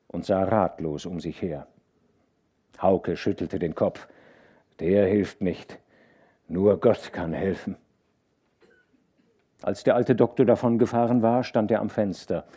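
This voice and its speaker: Slow, deep-voiced male audiobook narrator. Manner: measured, expressive storytelling. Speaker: audiobook reader.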